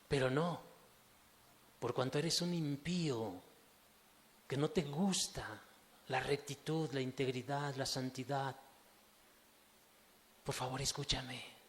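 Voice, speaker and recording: Guy preaching in church, goes quiet then loud, lots of questions, echoey hall. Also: mid-range voice, slow pace, long pauses. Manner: emphatic preaching with rhetorical questions, swings from hushed to loud. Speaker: pastor. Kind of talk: sermon.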